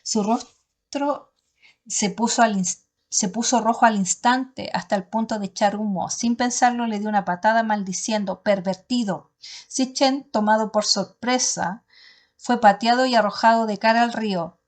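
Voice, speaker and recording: A woman reading a novel aloud as an audiobook narrator, steady and often stopping to correct herself. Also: fairly high pitch, normal speed.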